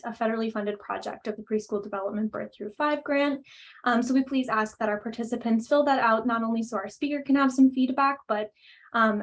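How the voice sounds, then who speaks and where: A woman hosting a webinar over a video call, reading out a speaker introduction in a friendly way with frequent "um" fillers. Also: on the high side. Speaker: webinar host and coordinator.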